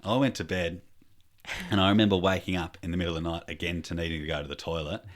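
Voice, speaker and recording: A man's voice: low-pitched, steady tone, fast. A young man telling a story in a laid-back chat, swearing freely and trailing off with fillers. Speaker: podcast host.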